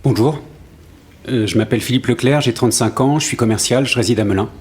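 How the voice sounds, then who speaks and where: A man's voice: medium pitch, fast talker, darkish tone, lightly acted. An actor playing an earnest, slightly hesitant salesman in his thirties testifying in a courtroom audio drama. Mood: hesitant, polite. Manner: hesitant, earnest witness account. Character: grateful 35-year-old travelling salesman testifying in court.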